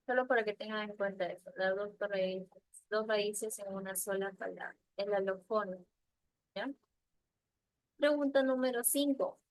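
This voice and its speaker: A woman teacher leading an online class, patiently asking questions and repeating answers slowly over a video call. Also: mid-range voice, no echo, poor audio.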